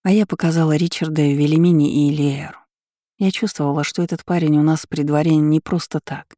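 A woman narrating a first-person fantasy audiobook in a calm, reflective storytelling manner. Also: deep voice, a little fast, no echo, studio quality.

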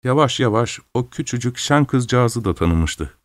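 Sex: man. Role: audiobook narrator. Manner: expressive. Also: medium pitch, unhurried, no room sound. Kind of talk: scripted narration.

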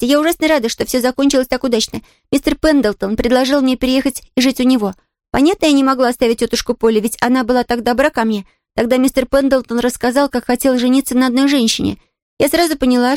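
High bubbly little girl, a woman puts her on, chatters fast and eager, dry close sound. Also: no echo, lightly acted. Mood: chattering. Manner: bubbly, excited, breathless rush.

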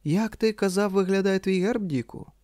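A man reading the lines of a gentle, teasing young wife in an audiobook, with a soft, slightly raised voice. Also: high voice, normal speed, no echo, studio quality, pitched above the performer's own voice, lightly acted. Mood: curious.

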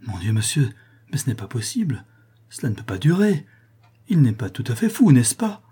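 A man's voice: mid-range voice, normal speed, mellow, breathy edge, natural voice. A man voicing a desperate young woman in an audiobook, crying out in anguish. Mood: pleading. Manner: pleading, anguished cries. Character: desperate young woman, daughter of a ruined artisan. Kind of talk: audiobook character reading.

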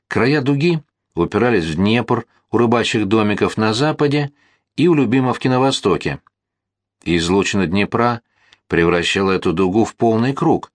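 A man narrating a historical novel as an audiobook, in a measured, steady storytelling manner. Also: lowish voice, no echo, studio quality.

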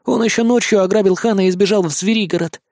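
A man voicing a sly little boy mouse scout with a squeaky, wheedling voice for a children's fantasy audiobook. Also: darkish tone, no echo, clean studio sound. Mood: reporting. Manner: squeaky, wheedling pleading and fast-talking boasts.

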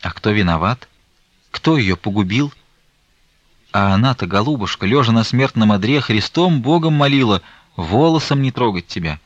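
A man reading the part of a stern, grieving old merchant, talking in a slow, weighty, reproachful way. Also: lowish voice, expressive, no echo, muffled recording, voice pushed up.

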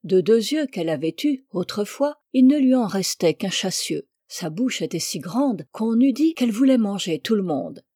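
A woman reading a classic fairy tale aloud in a measured, expressive storybook narration. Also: medium pitch, breathy edge, no echo, studio quality. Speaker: reader.

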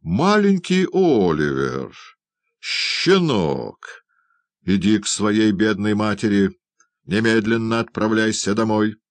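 Male reader doing a gruff, bullying thug, barking orders. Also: fairly low pitch, very animated, slow, dry recording, pitched above the performer's own voice, heavily acted. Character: brutal rough man, bullying and menacing.

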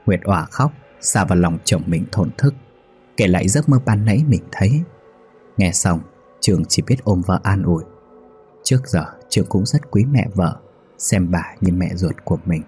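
Man, storyteller, scripted narration, low, breathy husky voice, faint music. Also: lively intonation, normal speed, dark tone.

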